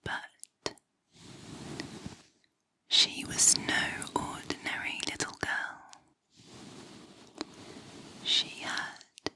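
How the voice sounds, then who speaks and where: Woman's whispered role-play, right in your ear. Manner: gentle, slow and soothing, giving step-by-step instructions. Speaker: examiner giving a gentle sensory test.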